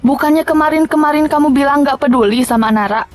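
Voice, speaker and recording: A woman plays a stern middle-aged mother who scolds in a high, firm voice. Faint music plays behind her. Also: fast, a little mellow, natural voice. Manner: scolding, stubborn.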